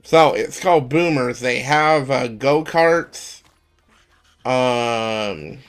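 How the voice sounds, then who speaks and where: Twenties guy streaming and just chatting, slow and gravelly, lots of ums, some music in the back. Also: medium pitch. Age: 20s. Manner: rambling, many ums and pauses. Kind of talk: casual live stream chat.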